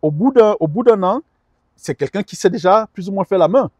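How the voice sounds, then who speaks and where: A man's voice: high-pitched, animated, fairly quick, a little mellow, no room sound. Earnest middle-aged man, dry close sound. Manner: earnest, repeats words while searching for them. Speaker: guest advisor on immigration. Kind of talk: conversational interview.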